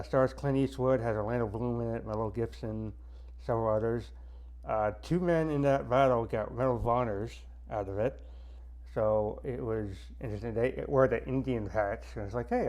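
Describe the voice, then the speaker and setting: Man, mid-pitched, pen held in mouth, impeded stuttering speech, halting delivery, repeated words, casual reviewer. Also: darkish tone. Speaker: movie reviewer, army soldier.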